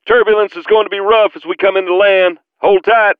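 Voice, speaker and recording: A man voicing a calm helicopter pilot speaking over a headset radio, giving steady, matter-of-fact announcements. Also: high-pitched, a little fast, clean tone, no room sound, phone-quality sound, voice pushed up.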